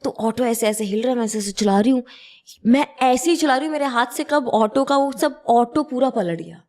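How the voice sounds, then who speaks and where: A young woman with a fairly high, bright voice, guest on an interview show. She tells stories from the set in an animated way and slips English phrases into her talk. It is a relaxed, casual chat. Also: moderate pace. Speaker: TV actress, guest.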